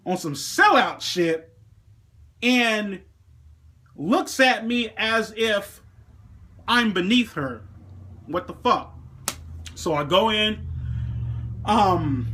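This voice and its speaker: A man's voice: high voice, sharp tone. A man telling a story to camera as a heated, profanity-filled rant, often slipping into mocking voices of the people in it. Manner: heated, swearing constantly, slips into mock voices for others. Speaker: vlogger.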